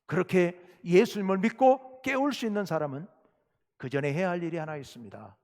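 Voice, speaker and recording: A man's voice: sits high, fairly quick, a little mellow. Exhorting male pastor in a reverberant church. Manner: exhorting, asks the congregation questions. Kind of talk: sermon. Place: church sanctuary.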